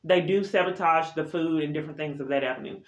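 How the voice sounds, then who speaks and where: Fast and low-voiced, a woman vlogs an unscripted stream of grievances, insistent and aggrieved as if setting out a long complaint. The sound is reverberant and muffled, with heavy noise and clicks.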